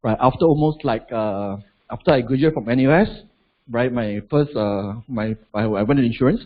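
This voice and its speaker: Speaking to a seminar audience at a moderate pace, a husky man in his forties uses his mid-range voice and Malaysian English accent to deliver a motivational business talk. He stays conversational, sprinkling in "lah" and "right?" and asking the crowd rhetorical questions. It sounds like a dull, lo-fi stage mic in a hall.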